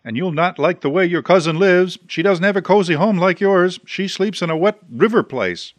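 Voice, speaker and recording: A man's voice: high voice, normal speed, no echo, voice pushed up. A man voicing a fussy, determined female goose in a read-aloud storybook, with a prim, firm manner. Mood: fond.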